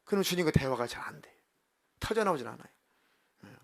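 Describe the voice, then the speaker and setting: Gravelly-voiced Korean man preaching. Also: on the high side, sing-song, fairly quick. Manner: acts out prayers and inner voices with big swings in loudness. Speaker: senior pastor. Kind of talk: sermon. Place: church sanctuary.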